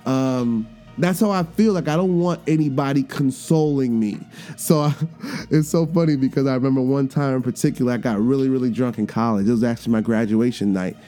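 A man's voice: mid-range voice, a little fast, soft background music. A man in his thirties hosting a podcast, talking candidly in a casual monologue, telling stories animatedly and laughing at himself. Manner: animated storytelling, acts out voices, laughs at himself. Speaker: podcast host.

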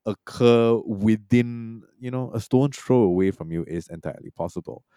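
A man's voice: lowish voice, moderate pace, dark tone, clean tone, no room sound, clean studio sound. A man from Malaysia and Singapore talking casually about a film, rambling with many fillers and restarts.

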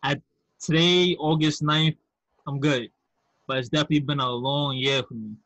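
A man's voice: a little high, fairly even intonation, moderate pace, fairly bright tone, no room sound. A man from Queens, New York with a Queens accent, talking candidly and casually as a podcast guest. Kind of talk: casual conversational interview.

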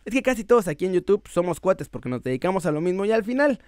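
A man's voice: high-pitched, sing-song, fast, darkish tone, clear, resonant tone, no room sound, studio quality. A young man with a Mexican accent, chatting casually about football news to his viewers in a slangy, joking way. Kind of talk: casual sports vlog.

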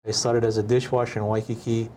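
A man in his sixties from Hawaii, a chef guest telling stories in an unhurried, reflective way in a studio interview. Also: medium pitch, flat delivery, a little mellow, a little hiss or hum. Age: 60s. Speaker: chef and restaurant owner guest. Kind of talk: casual interview storytelling.

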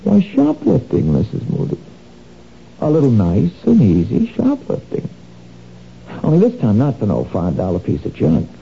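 In a 1970s radio drama, an actor plays a sly, menacing crook who alternately wheedles and threatens. His medium-pitched voice has huge pitch swings, vocal fry and normal speed, heard through a dull lo-fi old radio recording with faint noise.

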